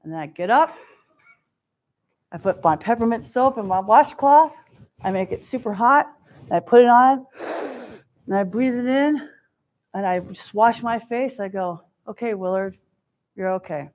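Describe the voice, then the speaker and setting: Animated woman telling a personal story. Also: on the high side, a little slow, pauses often. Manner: animated storyteller, acts out quotes. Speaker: keynote speaker. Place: stage before an audience.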